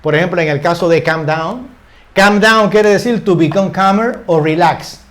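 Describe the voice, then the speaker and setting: An older male teacher with a notably high voice explains grammar in an unhurried, conversational way. He keeps checking in with short tag questions and stumbles over repeated words as he looks for the right phrase. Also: fairly bright tone. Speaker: English teacher. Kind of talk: casual spoken grammar lesson.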